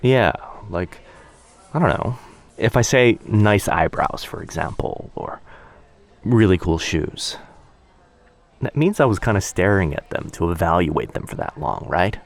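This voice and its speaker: A man with a deep voice voices a sweetly awkward, very shy young stranger fixated on a coffee-shop crush for boyfriend ASMR. Nervous and musing, he rambles hesitantly in a soft, intimate tone, his phrases trailing off, delivered in an animated way at a measured pace.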